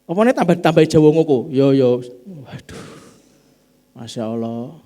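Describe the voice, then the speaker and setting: A man with a Javanese accent preaching a sermon in church, acting out family dialogue in high voices. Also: lively intonation, unhurried, warm tone. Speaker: pastor.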